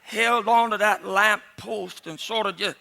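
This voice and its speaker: A man's voice: sits high, steady tone, a little slow, creaky, bright, forceful tone. A man with a Cajun accent telling a comic story in a folksy, rambling way, often repeating his phrases. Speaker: comedian, joke teller.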